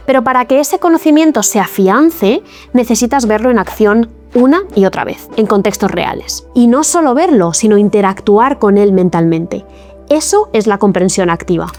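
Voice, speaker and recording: A woman giving a scripted video lesson as an English teacher, explaining each step clearly and encouragingly. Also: mid-range voice, animated, moderate pace, a little mellow, soft background music.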